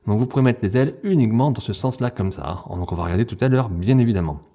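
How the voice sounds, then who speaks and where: A man's voice: lowish voice, fast talker, warm tone. A man casually unboxing and reviewing a toy figure, talking to his viewers with frequent hesitations and fillers. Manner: hesitant, many fillers, addresses viewers as friends.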